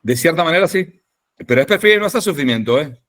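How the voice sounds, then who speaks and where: A man's voice: fairly high pitch, fast talker. A man teaching a rabbinic class over a video call, speaking informally with jokes and often checking in with "ok?". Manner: animated, asks "ok?" to check understanding. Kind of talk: informal lecture with humor. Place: home or office in Jerusalem.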